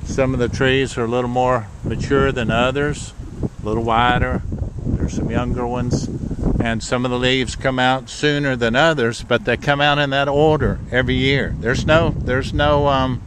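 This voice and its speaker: A man's voice: medium pitch, fairly even intonation, normal speed, background noise. A man giving a casual, rambling tour of his fishing spot on a riverbank, with lots of fillers and repeated words, recorded on a handheld camera mic. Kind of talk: casual narrated walking tour. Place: riverbank outdoors.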